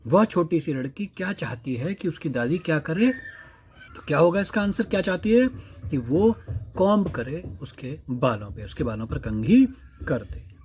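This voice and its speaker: A man teaching a primary-school English lesson. He reads each question slowly, translates it, then asks the listener questions and answers them himself. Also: fairly high pitch, darkish tone, a little hiss or hum.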